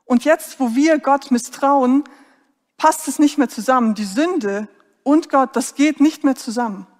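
A woman preaches an earnest, emphatic sermon and turns often to her listeners with direct questions. Her voice sits fairly high. A long reverb lingers after each phrase, as in a big hall. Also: measured pace, darkish tone.

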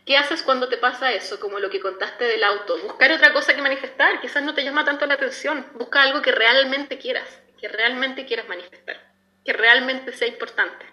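Woman, spiritual coach, casual reflective talk, expressive, very bright sharp tone, higher pitch. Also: fairly quick. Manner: expressive, acts out her inner voices.

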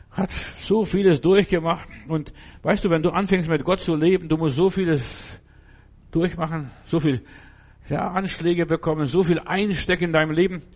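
A man preaching a fervent sermon, often asking his listeners "verstehst du" and swinging from low murmurs to loud outbursts.

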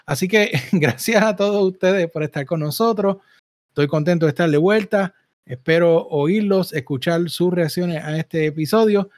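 A man's voice: high voice, moderate pace, darkish tone, no echo, studio quality. A man with a Puerto Rican Spanish accent hosting a podcast in a casual, informal, conversational way. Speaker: podcast host.

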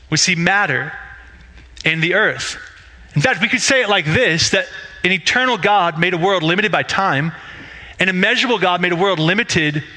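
A man's voice: high voice, rough recording. A man in his thirties, a pastor preaching a sermon in a church and acting out the dialogue in his stories. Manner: animated storyteller who acts out dialogue. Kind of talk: sermon with storytelling. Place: church sanctuary.

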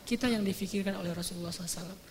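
A woman's voice: on the low side, rapid-fire, darkish tone, slight background noise. A woman preaching an emotional religious sermon, retelling scenes in casual, repetitive phrasing.

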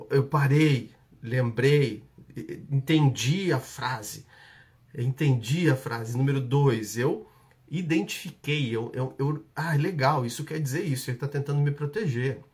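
A man's voice: medium pitch, unhurried, a little mellow. A man with a Brazilian Portuguese accent who coaches a live audience through an exercise. He repeats his instructions and checks in with short tags. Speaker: coach hosting a live session.

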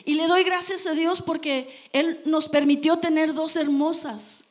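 Woman, high voice, sermon, earnest, emphatic. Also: fairly even intonation, a little slow. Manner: earnest, emphatic, addresses congregation as brothers. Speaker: preacher.

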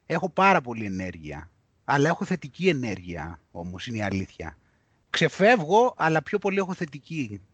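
A man hosting a podcast, talking in an animated, indignant way and reading news aloud mockingly. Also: medium pitch, husky, no room sound. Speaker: podcast host. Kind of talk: heated podcast discussion.

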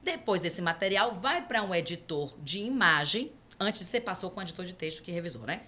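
A middle-aged woman with a Brazilian Portuguese accent, a podcast guest who tells stories in a lively way and acts out the dialogue. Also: on the low side, a little fast. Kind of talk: conversational storytelling.

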